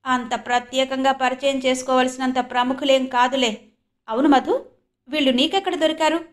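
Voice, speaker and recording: A woman voicing a sharp-tongued young woman who mocks others with scorn, her delivery sitting a good deal higher and louder than her narrating voice. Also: moderate pace, close to an everyday voice. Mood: mocking. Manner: mocking, scornful.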